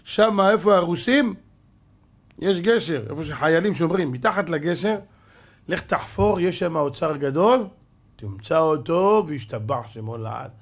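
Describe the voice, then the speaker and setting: A man's voice: fairly high pitch, lively intonation. A man voicing an insistent voice in a dream that gives instructions. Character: commanding voice in a dream giving instructions.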